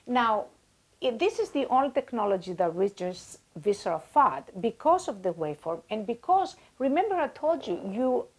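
A woman in her sixties appears as a guest expert in an interview, explaining things with animated gestures and everyday comparisons. Her voice sits a little high and moves at a normal speed, picked up by a lapel mic in a small office.

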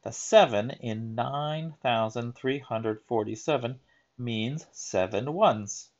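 In a muffled recording, a man with a medium-pitched voice reads a children's picture book aloud. His manner is deliberate and emphatic, like a teacher, and he adds explanatory asides.

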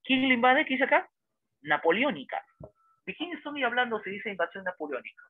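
A man, a history teacher giving a lively lecture full of dramatic storytelling and rhetorical questions, heard over a tinny phone-like line. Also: very high-pitched, a little fast, breathy edge, no echo. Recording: dry, tinny phone-like sound.

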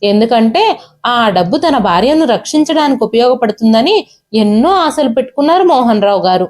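A woman storyteller giving an expressive, scripted narration of a moral story. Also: a little high, brisk.

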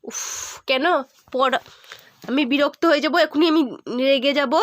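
A woman's voice: high-pitched, moderate pace, a bit bright, no room sound, studio quality. A mother tutoring her young son at home, coaxing and repeating questions, sighing with exasperation and scolding him. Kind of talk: home tutoring a small child.

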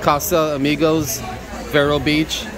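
This vlog host's voice is on the high side, monotone and measured, though his manner stays chatty and upbeat with plain words of praise. He's reviewing food casually from behind a handheld camera at a table in a busy restaurant, where music and diners' conversation fill the background.

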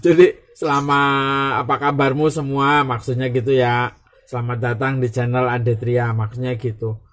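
A man's voice: medium pitch, flat delivery, normal speed. A man with an Indonesian accent, vlogging casually and joking, mixing broken English into his talk. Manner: playful, switching into broken English, laughing at himself. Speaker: YouTuber.

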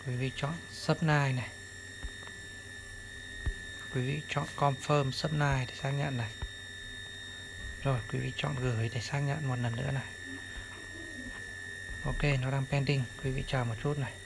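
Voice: mid-range voice, a little slow, pauses often. A channel host gives step-by-step narration for a screen tutorial. The host speaks politely, addresses viewers formally, and points out each step on screen. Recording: clear steady background noise.

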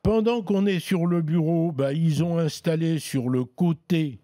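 A tech columnist chats casually in a product review, explaining gadgets in an easygoing way with frequent hesitations. His voice is fairly high and dark-toned at a measured pace, recorded in studio quality with no echo.

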